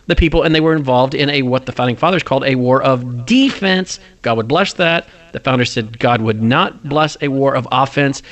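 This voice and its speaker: A man's voice: mid-range voice, normal speed, few pauses, a bit bright. A man hosting a commentary talk show, emphatic and argumentative as he rebuts a recorded clip.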